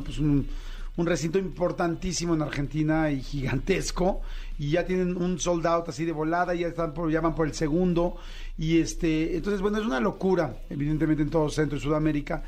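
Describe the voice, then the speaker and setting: A man from Mexico City with a Mexican Spanish accent hosts a casual podcast interview in a high voice. He's chatty and enthusiastic, dropping slang freely.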